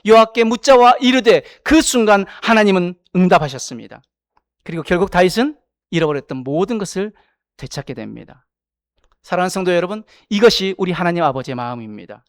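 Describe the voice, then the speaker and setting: A male pastor delivers a sermon in a high-set voice with an animated, swooping pitch. He drives his points with stacked parallel statements and questions to the congregation. The sound is close and dry, with little room echo. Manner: rhetorical preaching with repeated parallel phrases and questions to the congregation. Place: church sanctuary.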